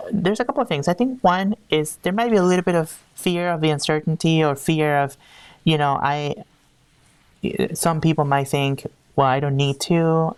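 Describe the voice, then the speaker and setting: A Peruvian woman who works as an HR executive speaks earnestly as a guest in a conversational interview, her voice low and clean with no echo. She often gropes for words and restarts her sentences.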